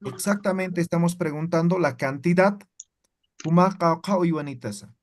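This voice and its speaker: A man's voice: high voice, moderate pace. A man teaching a language class, explaining step by step and checking in with his students again and again. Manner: explains patiently, keeps checking with "¿no ve?".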